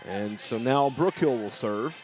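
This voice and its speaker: A man doing play-by-play commentary for a school volleyball match, rising to shouts on big plays. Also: medium pitch, a little slow, over music. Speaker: play-by-play announcer. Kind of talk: sports commentary.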